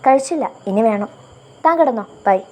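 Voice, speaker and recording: A woman reading a story aloud, voicing a reserved young man on a phone call who speaks briefly with gentle teasing. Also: a little high, animated, normal speed.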